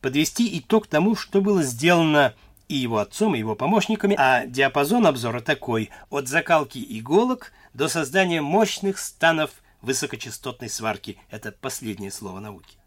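A man conducting a formal radio interview, courteous and measured, with occasional hesitations. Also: medium pitch, very animated. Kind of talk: Soviet-era radio interview.

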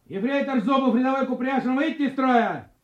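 An actor playing an army lieutenant who barks clipped military commands like a drill sergeant. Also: male voice, extremely high pitch, fairly quick. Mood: commanding. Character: army senior lieutenant barking orders like a drill officer. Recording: muffled, echoing, music faintly behind.

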